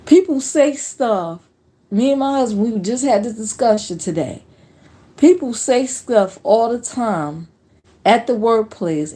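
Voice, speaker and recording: A woman's voice: medium pitch, rough recording. A middle-aged woman streamer telling stories in a blunt, profane, fired-up casual rant. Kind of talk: casual ranting chat. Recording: steady background noise.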